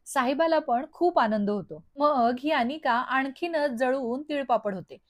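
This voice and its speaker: A woman recaps a TV serial episode in steady, scripted narration. Her voice sits somewhat high, and she tells the events one after another. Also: unhurried, dry recording, clean studio sound. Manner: steady storytelling.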